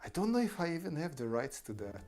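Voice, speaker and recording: Talking fast in a sing-song, slightly mellow voice on the high side, an artist streamer hosts a casual art livestream. He chats with viewers, answers their messages, and walks them through drawing steps while faint music plays behind him.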